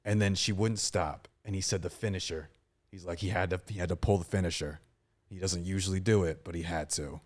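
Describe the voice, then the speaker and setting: Very deep-voiced man telling a story. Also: brisk. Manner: crude, animated retelling with frequent swearing. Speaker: podcast co-host. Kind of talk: casual chat, storytelling.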